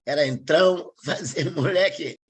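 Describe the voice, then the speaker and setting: A man with a Carioca accent, a capoeira master telling stories in a casual, lively way and acting out quoted voices. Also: fairly high pitch, a little slow, slightly rough. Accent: Carioca Brazilian Portuguese. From Rio de Janeiro, Brazil. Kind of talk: casual storytelling.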